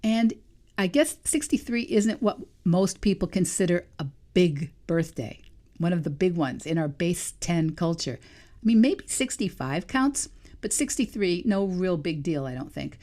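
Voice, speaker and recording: A New England woman in her sixties hosts a solo reflective podcast as a vegan life coach. Her fairly low voice is expressive and warm, and she speaks at a measured pace, musing thoughtfully and questioning herself.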